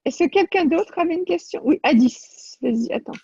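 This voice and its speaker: Over muffled, dull online-call audio, a woman coaches a group spontaneously, directive yet encouraging. She has a very high, expressive, slightly mellow voice at a normal speed, and the recording itself sounds dry.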